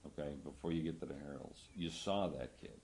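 A man questioning a witness in court as a lawyer, conversational, phrasing things haltingly and seeking confirmation. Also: very deep voice, noisy background.

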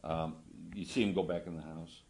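A man questioning a witness in court as a lawyer, conversational, phrasing things haltingly and seeking confirmation. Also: sits low, fairly even intonation, a little mellow.

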